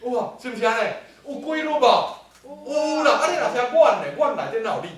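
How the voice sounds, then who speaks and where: A man lectures a class in an animated way, often throwing rhetorical questions at the room. His voice is high and swings widely in pitch. It comes from far off in a strongly echoing hall. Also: fast.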